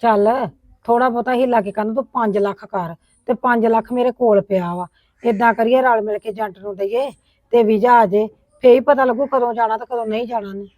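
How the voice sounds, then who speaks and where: A woman's voice: fairly high pitch, steady tone, fairly quick, a little mellow, dry recording. A middle-aged woman acting a complaining widowed sister-in-law in a village family drama. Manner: complaining, scolding tone.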